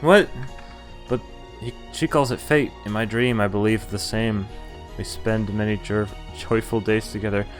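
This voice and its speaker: With game music playing behind him, a man with a fairly low pitch and fairly even intonation narrates a visual novel's story with drama at normal speed as he streams. Every so often he interrupts himself to react in disbelief.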